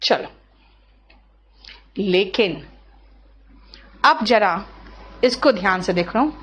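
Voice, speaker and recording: A woman's voice: mid-range voice, animated, fairly bright tone, breathy edge. A woman teacher giving a grammar lesson, spelling out words syllable by syllable and checking that her students follow. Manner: explains slowly, drawing out words syllable by syllable; asks students questions, checks understanding.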